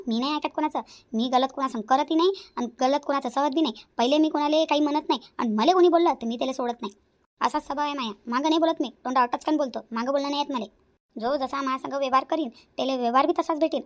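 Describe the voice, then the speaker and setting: A woman voicing a loud defiant young daughter-in-law. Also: sits high, lightly acted. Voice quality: shouting, quick and blunt. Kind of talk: cartoon voice acting.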